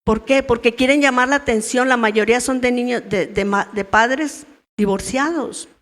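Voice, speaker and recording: A woman's voice: a little high, normal speed. Middle-aged woman teaching in church. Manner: conversational, asks the audience questions. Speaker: women's ministry teacher. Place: church meeting room. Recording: long reverb of a church hall.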